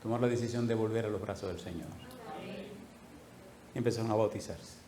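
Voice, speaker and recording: A male pastor preaching a sermon, telling a story with lively laughter and acted-out voices. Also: fairly low pitch, fairly quick, slight background noise. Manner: animated, laughing, acting out quoted voices.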